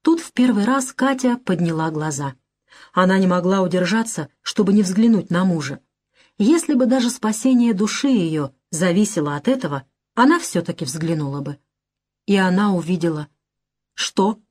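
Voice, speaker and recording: Expressive woman reading an audiobook. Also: fairly low pitch, moderate pace. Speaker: audiobook narrator. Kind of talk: scripted narration of a classic novel.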